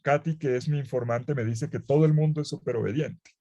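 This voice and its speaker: A priest teaching a Bible course in a lively lecture style. His voice is dark and mellow, with a slightly husky edge. He slips playful, ironic asides into the teaching. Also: mid-range voice, fairly quick, highs cut off.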